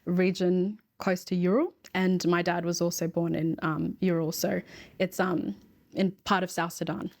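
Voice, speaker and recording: A young woman speaks as an interview guest, taking her time and reflecting carefully on each point. Her voice sits a little low and keeps to a narrow, level melody. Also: little pitch movement, creaky, darkish tone. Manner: reflective, measured storytelling. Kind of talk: casual interview.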